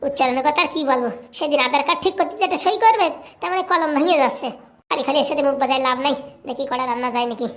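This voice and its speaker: Voicing a comic cartoon character, the performer becomes a poor priest's shrill, nagging wife from the village, who scolds and mocks at high speed.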